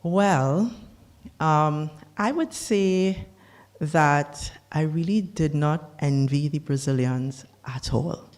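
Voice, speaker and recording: A speaker giving a formal policy briefing on climate negotiations, measured and deliberate, with the odd dry aside. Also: mid-range voice.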